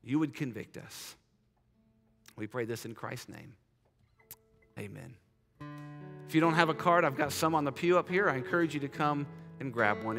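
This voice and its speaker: With a fairly high voice, a man in his thirties who pastors a church delivers an urging, heartfelt invitation at the end of a sermon before dropping to a soft prayer. The lapel-mic recording carries the reverb of a big sanctuary.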